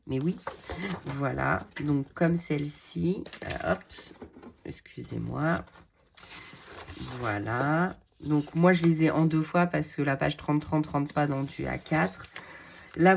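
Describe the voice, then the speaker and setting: A middle-aged woman walks viewers through a craft project in a low, gravelly voice. She chats at an easy, unhurried pace and mutters to herself as she works. The fillers come often, and faint noise sits behind her. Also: darkish tone. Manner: chatty, talks to herself while working, many fillers. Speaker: craft video host. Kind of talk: casual crafting tutorial.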